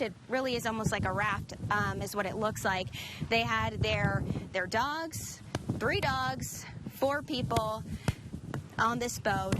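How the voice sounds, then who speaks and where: A woman working as a TV news reporter, giving a field report outdoors. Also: on the high side. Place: outdoors in storm-damaged town. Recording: loud wind and engine noise, outdoors.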